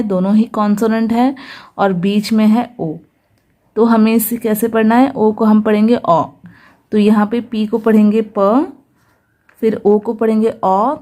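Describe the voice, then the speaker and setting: A woman gives a phonics lesson at an unhurried pace, spelling out each word letter by letter. Her voice is soft and mellow, and she repeats every sound patiently. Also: mid-range voice. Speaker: English teacher.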